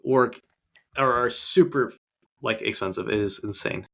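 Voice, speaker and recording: A man's voice: medium pitch, measured pace, vocal fry, a bit bright. A young man co-hosting a casual podcast chat, rambling along with lots of "like" fillers. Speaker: podcast co-host.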